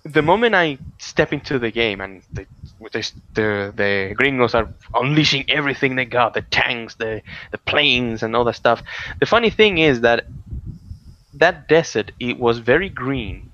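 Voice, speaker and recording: A man in casual podcast chat who tells stories with lots of energy, stumbling over restarts and breaking into loud, excited exclamations. His voice sits at a middling pitch. The audio comes through dull and lo-fi. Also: moderate pace. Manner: animated storyteller, many restarts, excited outbursts. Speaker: podcast co-host.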